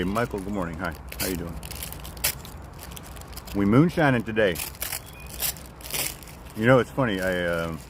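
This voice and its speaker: Deep-voiced man streaming a trail hike. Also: noisy background. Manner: rambling, repeats words, greets chat by name. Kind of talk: casual live-stream chat while hiking. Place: outdoors on a wooded nature trail.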